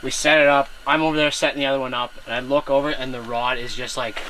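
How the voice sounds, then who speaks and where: Male angler, mid voice, animated storyteller, faint background noise. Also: medium pitch, fast talker, rough recording. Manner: animated, quoting himself. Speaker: angler retelling the catch. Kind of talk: casual storytelling.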